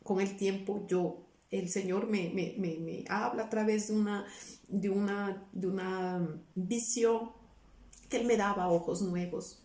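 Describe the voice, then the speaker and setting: A woman's voice: mid-range voice, fairly even intonation, measured pace, a little mellow. A woman giving an earnest, emotional personal testimony, often repeating her words and quoting her own past pleas. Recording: roomy, somewhat distant from the mic.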